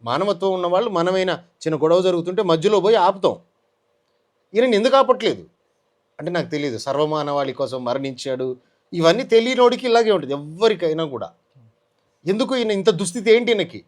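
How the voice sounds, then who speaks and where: This Telugu-accented man has a high voice and speaks a little fast. He offers an emotional testimony in an interview, narrating animatedly and voicing what others told him.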